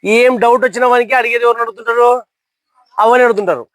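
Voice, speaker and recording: Man, storyteller, high voice, quick delivery. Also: fairly even intonation, a bit bright, no room sound. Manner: asks listeners questions, acts out characters' lines. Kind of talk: motivational storytelling to an audience.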